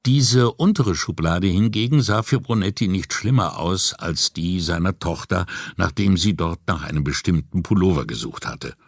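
Deep-voiced man reading an audiobook. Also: no room sound, studio quality. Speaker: audiobook narrator. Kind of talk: scripted narration.

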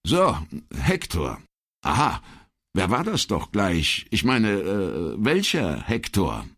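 A man voicing a middle-aged police commissioner who speaks in a hurried, uneasy and halting way. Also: on the low side, big pitch swings, pitched above the performer's own voice, full character voice. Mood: tense.

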